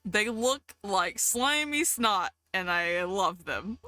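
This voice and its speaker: A woman from the South, chatting casually with her stream chat, chatty and quick to giggle. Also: mid-range voice, no echo. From American South. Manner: giggly, chatty, easily excited.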